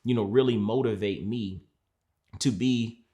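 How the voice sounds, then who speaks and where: A man, a mindset coach from Georgia, talking in a reflective sit-down, earnest and measured, repeating phrases for emphasis. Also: on the low side, mellow. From Georgia, USA.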